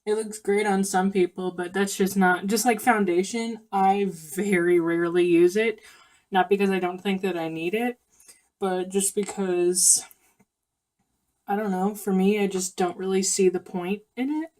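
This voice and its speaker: A young beauty vlogger, sniffly and coming down with a cold, chats casually through a makeup tutorial, full of ums and self-corrections. Her mid-range voice is a little mellow, with fairly even intonation and a measured pace.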